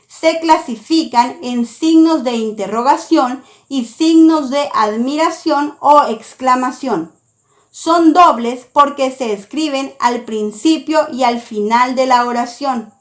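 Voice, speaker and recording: A woman teaching a lesson, reading out a scripted explanation in a careful, deliberate way. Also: high-pitched. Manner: slow, careful, deliberate delivery.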